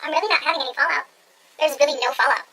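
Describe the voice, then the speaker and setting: A beauty vlogger at home walks through a makeup tutorial, chatty and gushing as she lays out each step. Her voice is high-pitched, very fast, pushed and bright. The low-quality recording has slight background noise.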